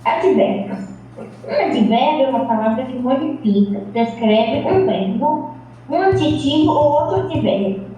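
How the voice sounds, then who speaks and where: High, mellow woman reading a lesson. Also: expressive. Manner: careful, measured reading. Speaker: student reading the lesson text. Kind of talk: reading a lesson text aloud. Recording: echoey, distant, dull sound.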